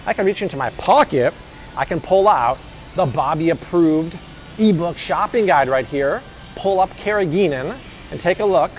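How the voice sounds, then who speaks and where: A man's voice: a little high, animated, moderate pace, soft background music. A man hosting a casual grocery shopping advice vlog, chatty and emphatic with jokey asides. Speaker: host.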